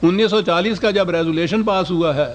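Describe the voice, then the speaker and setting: An older man giving a scholarly lecture, reading out historical quotations and putting rhetorical questions to his audience. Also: high-pitched.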